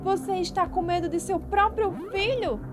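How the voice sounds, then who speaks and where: A woman voicing a frantic older mother, desperate for her son, with shrill, pleading shouts. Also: fairly even intonation, normal speed, music in the background.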